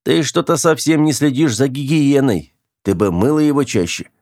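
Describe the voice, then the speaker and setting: A man's voice: medium pitch, normal speed, a little mellow, no echo, studio quality, pitched above the performer's own voice, lightly acted. A man reading an audiobook, voicing a curt, mocking male starship captain. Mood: wry exasperated.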